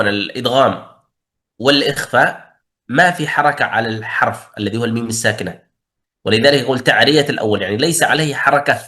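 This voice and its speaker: A man's voice: medium pitch, pushed and bright. A man teaching tajweed in a classroom lesson, explaining methodically and posing and answering his own questions.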